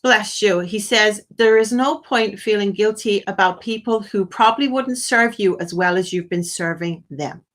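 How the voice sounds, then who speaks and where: A woman hosting a live psychic phone-in speaks at a moderate pace with few pauses in a mid-range voice. Effusive and full of endearments and blessings, she relays messages to the caller in quoted asides.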